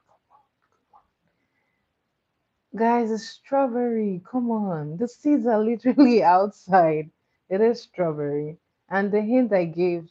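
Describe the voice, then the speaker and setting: A Nigerian woman sleepily hosts a live trivia stream, patiently repeating each question for her viewers. Her voice is medium in pitch with a dark tone, and the recording's highs are cut off.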